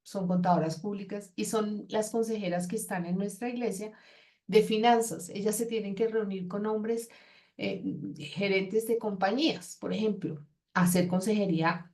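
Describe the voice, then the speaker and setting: A woman's voice: mid-range voice, fairly even intonation, normal speed, dark tone. Woman teaching a counseling class, chatty, acts out little dialogues as she talks. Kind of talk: classroom lecture.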